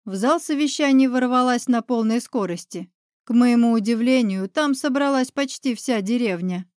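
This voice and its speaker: A woman with a fairly high voice narrates a fantasy novel in the first person. She reads expressively and leans into the heroine's angry outbursts. The sound is close and dry, with no room around it. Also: normal speed, a little mellow, dry recording. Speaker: audiobook narrator.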